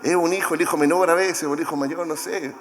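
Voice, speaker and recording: A man with a Chilean accent preaching a sermon as pastor, animated and acting out the voices of the scripture story. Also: fairly high pitch, fast talker, in a large hall. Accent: Chilean Spanish.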